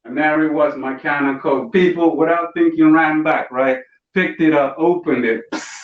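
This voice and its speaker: A man's voice: a little high, fairly even intonation, normal speed. A man performing a stand-up comedy routine over a video call, telling stories with punchy asides to the audience. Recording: roomy, distant, dull lo-fi call audio.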